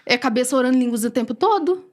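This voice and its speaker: Brazilian woman guest, high and quick, animated storyteller acting out quoted dialogue in a casual testimony. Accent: Brazilian Portuguese. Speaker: podcast guest. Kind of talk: personal faith testimony in casual conversation.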